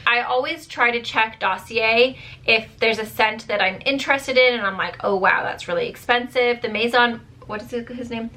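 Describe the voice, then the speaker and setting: A beauty vlogger reviews products to camera, chatty and rambling with lots of fillers. Her mid-range voice is pushed and bright but strained, and it's going hoarse.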